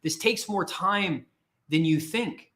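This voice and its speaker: A man with a high, fairly bright voice speaks slowly. He hosts a career podcast and works as a career coach, and in this motivational livestream talk he addresses listeners emphatically and repetitively, challenging them head-on.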